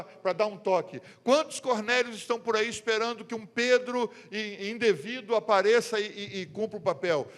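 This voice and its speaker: A middle-aged pastor with a Brazilian Portuguese accent preaches from the pulpit, his voice sitting high for a man. He tells his stories vividly and plays out each person's lines in turn. A long reverb from the church hall trails behind every phrase. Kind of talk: sermon.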